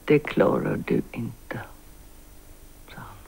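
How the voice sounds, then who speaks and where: With a natural voice, a sixty-something actress portrays an older woman writer consumed by guilt in 1990s Swedish TV drama. Her confession comes out hushed and halting, frequently whispered.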